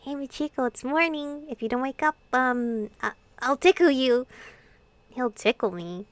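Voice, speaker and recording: Her voice is high, bright and forceful in a dry recording. She's a young adult gaming content creator playing through a visual novel, voicing dialogue and narration expressively amid casual, giggly reactions, with game music in the background.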